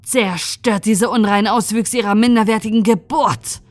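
A woman's voice: mid-range voice, expressive, moderate pace, dry recording, faint music behind, natural voice. A woman voicing a ruthless female inquisitor who speaks in a cold, commanding, contemptuous way. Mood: furious.

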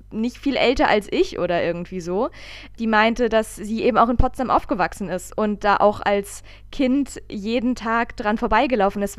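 This podcast host has a medium-pitched, clean-toned voice and a recording free of room sound. She rambles emphatically through her stories in relaxed, conversational talk.

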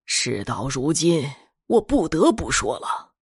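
Lady doing a worried old rich father in a storybook, slow and grave, dry sound. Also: low voice, very animated, slightly rough, dry recording, voice pushed down, heavily acted. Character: old man, anxious wealthy patriarch.

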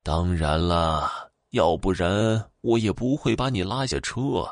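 A man voicing a menacing old woman ghost with fangs, speaking in drawn-out, sinister tones. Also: deep voice, no room sound, studio quality. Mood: reassuring.

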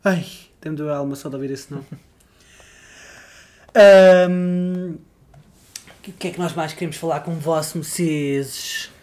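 Playful young man, higher voice. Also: a little slow, long pauses, darkish tone. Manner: slangy, playful. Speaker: podcast co-host. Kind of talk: casual chat.

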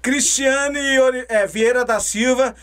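A man hosts a live podcast in a very high voice. He chats loosely, thanks viewers for their donations and repeats filler words as he goes. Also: steady tone, takes it slowly, a bit bright. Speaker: podcast host.

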